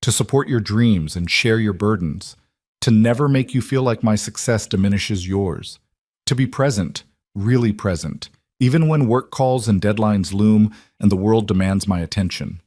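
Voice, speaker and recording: A heartfelt, driven businesswoman bride delivers her vows with earnest conviction, as a male narrator reads her lines. The voice sits low and is close and dry, with no room around it. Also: normal speed, darkish tone, no room sound, close to an everyday voice. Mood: tender. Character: determined successful businesswoman making wedding vows.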